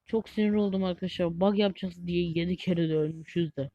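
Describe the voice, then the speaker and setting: A woman giving live gameplay commentary as a gaming YouTuber, excitable and easily frustrated, chatting to viewers like friends. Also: on the low side, fast talker, no room sound, highs cut off.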